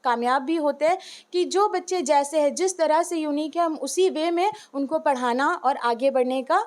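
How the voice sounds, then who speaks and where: A school teacher with a high voice answers interview questions at normal speed, earnest and heartfelt. She switches between Hindi and English, often filling pauses with "uh."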